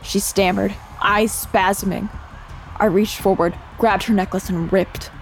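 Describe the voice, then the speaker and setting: A determined young woman tells her own story in an audio drama, voiced by an actress. Her narration is steady and earnest at a middle pitch, turning urgent when she speaks in her scenes. Quiet music plays underneath. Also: a little slow, natural voice. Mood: calm narration. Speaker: first-person narrator and lead character.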